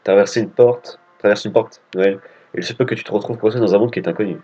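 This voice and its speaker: A man voicing a calm, knowing woman who guides travelers between worlds, read plainly. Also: on the low side, quick pace, slightly rough. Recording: dull lo-fi audio with game music.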